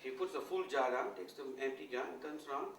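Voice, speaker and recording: A man telling a story to a live audience in an animated way, often checking that his listeners are following. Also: mid-range voice, fast, slight background noise. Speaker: motivational speaker. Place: large event hall. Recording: echoey hall, far from mic.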